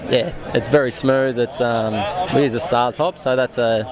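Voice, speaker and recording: A man's voice: mid-range voice, fairly even intonation, moderate pace, over music. An easygoing Australian man chatting casually as an apprentice brewer being interviewed. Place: outdoors at a beer festival. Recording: outdoor event with crowd behind.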